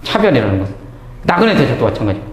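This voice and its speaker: A man's voice: medium pitch, sing-song, rapid-fire, echoey room. A man giving a Bible study lecture. He asks himself questions and answers them at once, and acts out quoted speech.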